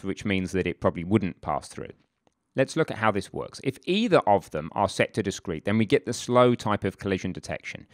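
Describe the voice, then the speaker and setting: A man's voice: lowish voice, no room sound, studio quality. A man teaching game development in an informal, chatty screen-recorded tutorial, with frequent asides and self-corrections.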